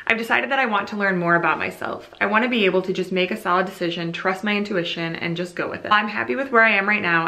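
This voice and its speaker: Bright-voiced young woman vlogger. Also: lowish voice. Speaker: YouTube vlogger. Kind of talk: casual chat to camera, reading old journal entries. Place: small furnished room at home.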